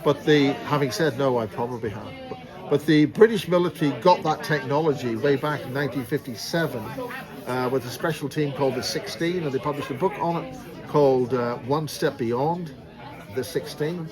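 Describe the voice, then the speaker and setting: A mid-range male voice with a Belfast accent, from Northern Ireland, talks at normal speed about secret space programs. Outdoors in casual conversation, he rambles, speaks emphatically, and teases jokingly, with loud crowd noise behind him.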